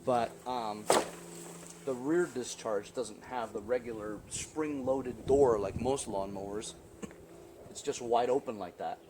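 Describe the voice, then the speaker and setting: With a mid-range voice and a slow pace, a middle-aged man talks viewers through fixing a small engine in his sunny backyard, outdoor sounds audible behind him. He keeps the hands-on walkthrough chatty, asking "right?" again and again.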